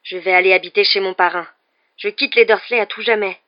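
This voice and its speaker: A reader voicing a brave, frantic teenage boy wizard, shouting urgently in an audiobook. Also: medium pitch, steady tone, fairly quick, lo-fi sound, close to an everyday voice. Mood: desperate self-reassurance. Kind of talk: audiobook character voice.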